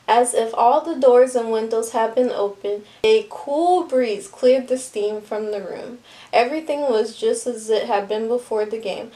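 A woman reading a children's picture book aloud with lively, expressive narration. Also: on the high side, low-quality recording. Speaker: storybook reader.

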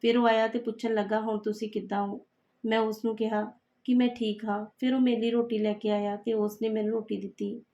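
Give me a woman telling a first-person story in a calm, even, warm tone. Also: a little high, a little fast, hardly any pauses. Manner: steady, even reading.

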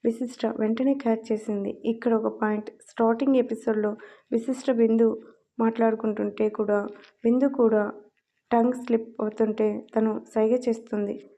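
A woman narrating an audio love story in a steady voice, with small slips now and then. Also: fairly high pitch, moderate pace.

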